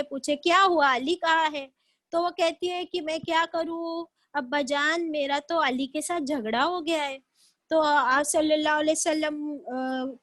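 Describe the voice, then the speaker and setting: A woman teaching a religious class over a video call, telling a story gently and often adding pious phrases. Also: sits high, dry recording.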